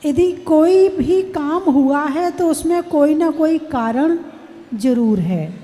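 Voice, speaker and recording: A woman's voice: sits high, animated, takes it slowly, dark tone. A woman Jain nun delivering a sermon, repeatedly questioning the audience and urging them to answer, sometimes acting out everyday household speech. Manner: acts out quoted household speech. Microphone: microphone with added echo. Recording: reverberant hall, faint background noise.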